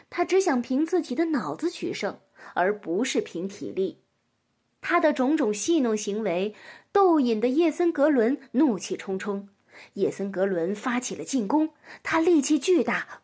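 Woman children's storyteller; breathy, highish, very animated reading. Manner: gentle, expressive storytelling.

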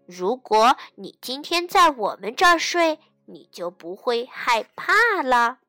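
A woman's voice: on the high side, dry recording, clean studio sound, faint music behind, heavily acted. Woman doing an eager little boy bunny. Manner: excited, quick to cheer. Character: young brave boy bunny, eager and clever.

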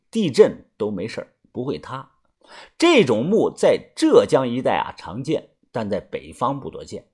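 A man's voice: mid-range voice, breathy edge. A male storyteller reading a serialized tale in a chatty, informal way. His voice rises and falls a great deal. He often draws out the small particles at the ends of his phrases. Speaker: audiobook narrator. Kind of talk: storytelling narration.

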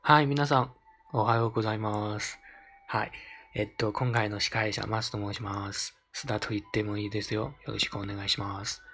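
A man hosting a language lesson podcast, explaining words patiently and repeating them slowly for learners. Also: lowish voice, steady tone, a bit bright, faint music behind. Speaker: Japanese language teacher, podcast host. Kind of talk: casual spoken lesson.

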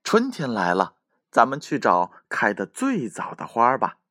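A man's voice: medium pitch, huge pitch swings, moderate pace, pushed and bright, no echo, studio quality, exaggerated voice. A man voicing a friendly giraffe who gathers the animals together, in a lightly raised storybook tone. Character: giraffe, friendly group leader.

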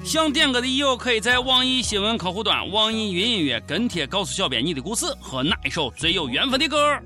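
A woman's voice: mid-range voice, big pitch swings, fairly quick, bright, forceful tone, soft background music. A woman with a Shaanxi accent hosting a comic radio show in dialect, with a cheeky, theatrical, exclamatory delivery. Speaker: radio host. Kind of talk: comic scripted commentary in dialect.

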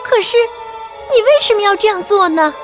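Woman doing a bright-voiced young princess. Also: very high voice, expressive, moderate pace, over music, pitched above the performer's own voice. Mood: earnest. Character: sweet, brave young princess.

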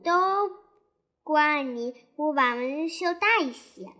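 A woman's voice: high-pitched, takes it slowly, bright, forceful tone, heavily acted. A woman voicing a greedy, panicky young male bear stuck in a hole, with whiny, fretful cries. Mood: grumbling.

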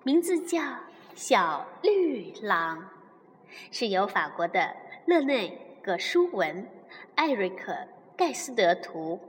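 Slow, expressive woman telling children's stories. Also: mid-range voice, a little hiss or hum. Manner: warm, expressive, addresses children as darlings. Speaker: storyteller host. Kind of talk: children's storytelling. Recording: long reverb.

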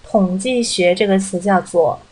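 Woman teacher slowly repeating English words. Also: mid-range voice, a little mellow, slightly rough, poor audio. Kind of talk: vocabulary lesson podcast.

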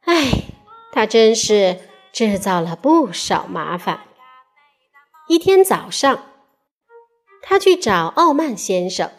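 Slow, animated woman reading to kids. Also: medium pitch, soft background music. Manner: expressive, playful. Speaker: mother storyteller. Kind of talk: reading a picture book to children.

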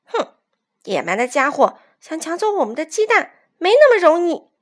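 A woman's voice: very high-pitched, sing-song, slow pace, voice pushed up, exaggerated voice. A woman voicing a hot-headed, defiant young rooster in a storybook reading. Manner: defiant, angry.

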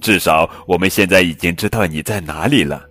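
A man's voice: deep voice, a little fast, a bit bright, husky, no room sound, faint music behind. A man voicing a cheerful joking male elephant, raising his voice somewhat above his own in a children's storybook reading.

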